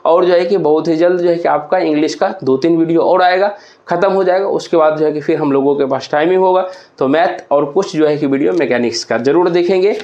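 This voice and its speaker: A man runs an exam revision lesson, his voice sitting a little high. He spells each word slowly, letter by letter, and keeps asking his students questions. The recording sounds muffled and lo-fi. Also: darkish tone. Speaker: exam prep teacher. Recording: muffled lo-fi audio.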